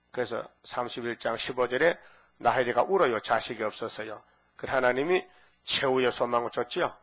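Older man preaching an animated sermon. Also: mid-range voice. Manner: animated preaching, acts out biblical voices, asks the crowd. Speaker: pastor.

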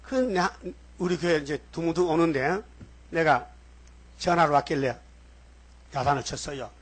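Husky high-voiced male pastor preaching. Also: moderate pace. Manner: rambling, questions the congregation directly. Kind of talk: sermon. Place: church.

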